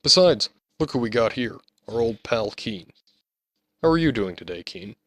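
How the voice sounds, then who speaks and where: A man's voice: sits low, brisk, gravelly, sharp tone, full character voice. A man voicing a big fifteen-year-old bully boy who taunts and mocks in an audiobook. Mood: taunting. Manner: mocking, taunting.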